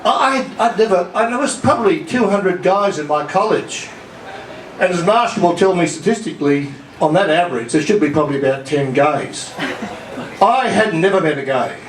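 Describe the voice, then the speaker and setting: Jovial Australian man in a roomy hall. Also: high-pitched. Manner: jovial storytelling, chuckling between lines. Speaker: wedding guest speaker. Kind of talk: wedding speech. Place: yacht club reception hall. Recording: echoey hall, distant mic, background noise.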